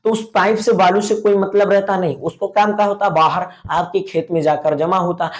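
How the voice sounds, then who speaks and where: A man's voice: high voice, steady tone, moderate pace. A man teaching a biology class in with a tinge, repeating key terms as questions and calling his students "beta". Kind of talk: classroom lecture.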